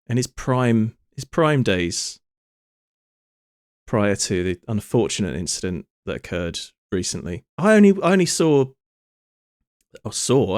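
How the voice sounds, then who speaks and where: A man's voice: lowish voice, no room sound, studio quality. A man streaming live, rambling through joking asides as he watches a clip. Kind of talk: casual live-stream commentary.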